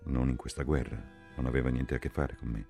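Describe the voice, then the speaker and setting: A man reading a novel aloud in a measured, sober narration. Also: a bass voice, creaky, mellow, faint music behind. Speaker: audiobook reader. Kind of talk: literary audiobook narration.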